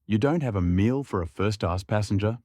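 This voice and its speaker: A man voicing a young woman passenger who speaks politely and grows frightened, raising his voice high for her. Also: brisk, no room sound, studio quality, natural voice. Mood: polite, panicked. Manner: polite, rising to frightened shouts.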